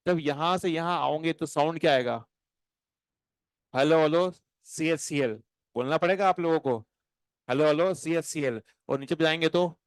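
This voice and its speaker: A man lectures on chemistry to a classroom of students, animated and playful. He slows to a crawl when he dictates notes. His voice is smooth and clear, recorded dry and close with little room sound. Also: a little high, no room sound. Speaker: chemistry teacher.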